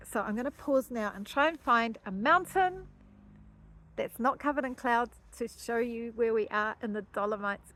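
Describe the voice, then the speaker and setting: A woman's voice: medium pitch, slight background noise. A New Zealand woman, an astrologer, chatting casually in a vlog outdoors in a mountain forest while she walks, musing and searching for words. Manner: talking while walking over rough ground.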